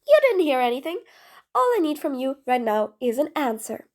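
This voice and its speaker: A woman's voice: high-pitched, big pitch swings, moderate pace, darkish tone. A woman voicing a sarcastic, exasperated female supervillain in an audio role-play drama, taunting her prisoner with bossy nicknames. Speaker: voice actress.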